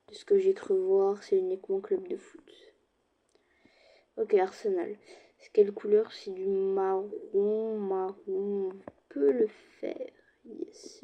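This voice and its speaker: Girl streamer chatting thru a game, dark mellow voice w some fry, talks to viewers. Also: medium pitch, dull audio. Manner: chatty, addresses viewers directly, slips into soft asides. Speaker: gaming streamer. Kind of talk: casual let's-play commentary.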